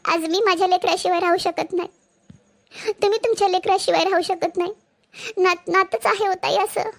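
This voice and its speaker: A woman's voice: extremely high pitch, fairly even intonation, moderate pace, vocal fry, a bit bright, heavily acted. A woman voicing a kindly young sister-in-law who consoles and speaks earnestly, in a cartoon. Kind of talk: cartoon voice acting.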